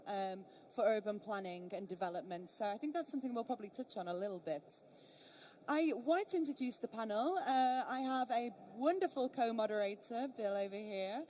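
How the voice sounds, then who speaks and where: A woman's voice: on the high side, a little mellow, slight background noise. A woman moderating a conference panel in a chatty way, with frequent fillers. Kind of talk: conversational moderating.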